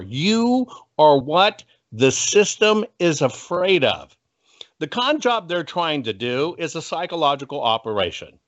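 A man's voice: a little high, a bit bright. An American man speaking as an activist guest, delivering motivational political commentary in a punchy, folksy, preachy way. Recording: dull, muffled lo-fi audio.

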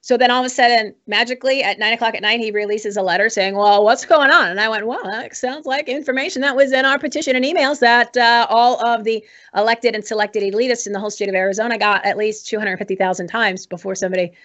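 Woman, American, talk host with a higher-pitched voice; emphatic, informal political commentary, slightly muffled lo-fi audio. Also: quick pace, few pauses, fairly bright tone. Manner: exhorting, emphatic.

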